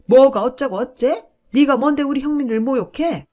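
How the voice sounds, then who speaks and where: A woman voicing a loud, bossy older mother-in-law who scolds her daughter-in-law in a booming voice. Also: animated, normal speed, lightly acted. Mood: scolding.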